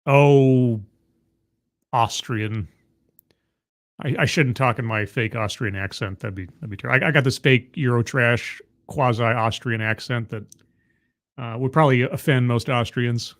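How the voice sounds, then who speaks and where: A man live-streams his reaction to a video, making wry, skeptical asides and thanking viewers in chat. His mid-range voice is unhurried, and the talk is casual live-stream commentary.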